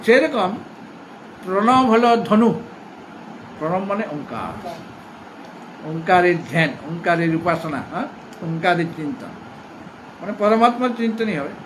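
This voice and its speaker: A man teaching a scripture class at an ashram, explaining patiently, rephrasing and repeating points, and reciting verses slowly in a chanting cadence. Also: high-pitched, expressive, noisy background. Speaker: spiritual teacher. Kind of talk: scripture lecture to students.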